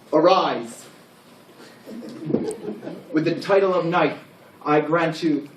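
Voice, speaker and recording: A solemn medieval king, acted by a man delivers a formal, declamatory knighting address with proud grandeur. The voice sits somewhat high. It is captured at a distance in a reverberant room, with faint noise behind it. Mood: regal, formal. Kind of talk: ceremonial scripted speech. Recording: roomy, distant microphone, faint background noise.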